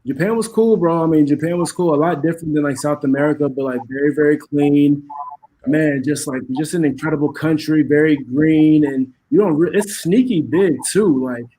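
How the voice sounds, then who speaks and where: A man from Cameroon chatting casually on a livestream, easygoing and quick, often repeating himself. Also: fairly high pitch, warm tone, poor audio.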